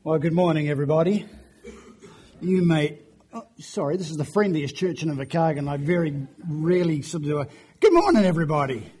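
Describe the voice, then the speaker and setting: A man, preaching a sermon in a church, hoarse after the flu and chatty in a self-deprecating way. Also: fairly high pitch, steady tone, fairly quick, mellow. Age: 50s. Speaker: guest preacher.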